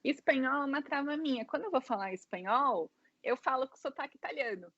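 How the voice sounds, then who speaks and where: This is a chatty interview guest, a Brazilian woman in her thirties whose Brazilian Portuguese accent colors her casual, filler-heavy storytelling, with plenty of "né" and "é." Her voice is high, fairly bright, and a little fast. The recording is dry and lo-fi.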